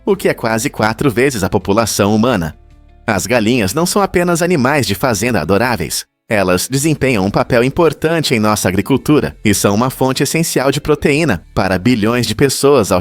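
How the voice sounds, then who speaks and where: A man reading a scripted list of facts as a narrator, in an even, explanatory way that asks the listener rhetorical questions. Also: medium pitch, dry recording. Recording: dry voice-over with faint music behind.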